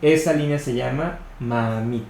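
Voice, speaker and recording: A man's voice: mid-range voice, gravelly, a little mellow. Man reading a commentary in an echoey room. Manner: measured, explanatory, spells out Hebrew terms. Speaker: Torah study reader. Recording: echoey room with faint noise.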